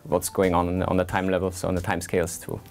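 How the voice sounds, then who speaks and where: This is a scientist portrait interview with an Austrian PhD student in his twenties who speaks English. His voice is deep, fast and monotone with a darkish tone, and he talks earnestly, using many fillers.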